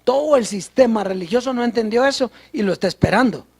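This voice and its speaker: A preacher teaching a sermon in a slow, deliberate way and posing rhetorical questions to the congregation. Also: medium pitch, lively intonation, gravelly, a little mellow, breathy edge.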